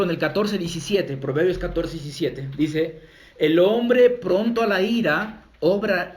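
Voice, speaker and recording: High-voiced man preaching emphatically. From Peru. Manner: emphatic preaching with repeated address to the brethren; acts out quoted excuses in a raised voice. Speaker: pastor. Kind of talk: expository sermon.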